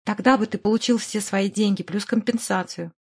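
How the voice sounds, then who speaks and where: Woman voicing a scheming smooth businessman. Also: medium pitch, fairly even intonation, brisk. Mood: sinister. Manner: condescending, conspiratorial. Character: scheming smooth-talking middle-aged male businessman. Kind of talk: audiobook character voice.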